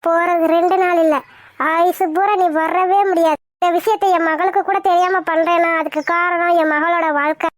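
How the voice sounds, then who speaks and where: A woman's voice: very high voice, steady tone, moderate pace, no echo, studio quality. A woman voicing a scheming, jealous mother in a cartoon, spiteful and sneering.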